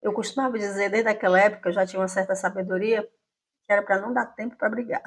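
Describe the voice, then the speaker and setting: A woman's voice: mid-range voice, fairly even intonation, fast. A woman in her fifties from Brazil, the host of her channel, telling a personal story in a reflective, conversational way and often asking "né?".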